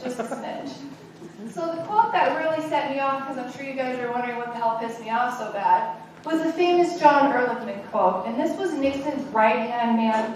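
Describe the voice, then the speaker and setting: A woman telling her personal story as a conference speaker, candid and animated. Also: sits high, slight background noise. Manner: candid, animated, acts out quoted voices. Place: conference hall. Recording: echoey hall from far off.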